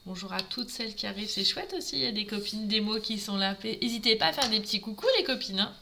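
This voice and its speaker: Talking fast in a medium-pitched, gravelly voice, a woman from France with a Norman accent leads a live craft demonstration and says hello to viewers as she goes. Background noise is audible throughout.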